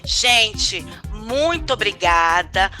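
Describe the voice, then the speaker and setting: A woman with a Brazilian Portuguese accent hosting a live online quiz over a video call, excitable and playfully dramatic as she builds suspense. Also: medium pitch, drawn-out words, soft background music. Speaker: quiz host.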